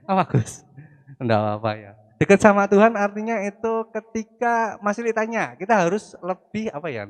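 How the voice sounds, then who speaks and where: Man giving a casual, chatty sermon. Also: medium pitch. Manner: relaxed, chatty, with Javanese-flavored asides. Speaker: preacher. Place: online church service.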